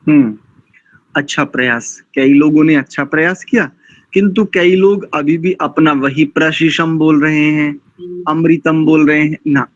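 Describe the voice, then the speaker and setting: A man teaching mantra recitation, chanting each verse slowly and deliberately before explaining the correct pronunciation. His voice sits a little high for a man and sounds dull and lo-fi. The recording is dry. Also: steady tone, no room sound. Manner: admonishing, didactic.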